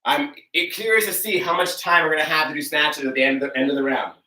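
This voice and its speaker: Young male fitness coach, breathless, upbeat and casual, bright tone, picked up from across a roomy space. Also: a little high, fast talker. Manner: upbeat, casual, talks while demonstrating. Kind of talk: live online workout instruction. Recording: roomy echo, from far off.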